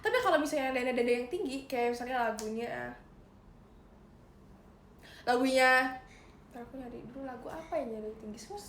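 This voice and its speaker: High-voiced young woman chatting on a livestream. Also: rapid-fire. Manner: chatty, playful, addresses viewers as guys, sings short demo lines. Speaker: idol livestream host. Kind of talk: casual livestream chat giving singing tips. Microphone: phone livestream. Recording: roomy echo, faint background noise.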